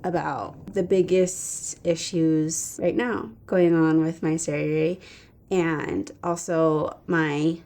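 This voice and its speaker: A woman's voice: low voice, steady tone, takes it slowly, dark tone. A young adult woman vlogging to camera, talking casually and sounding frustrated and emotional, with lots of fillers. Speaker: vlogger documenting her recovery.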